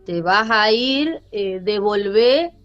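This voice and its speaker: A woman voicing a dark, menacing cemetery spirit that slowly and insistently repeats its command. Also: medium pitch, expressive, dull audio, soft background music.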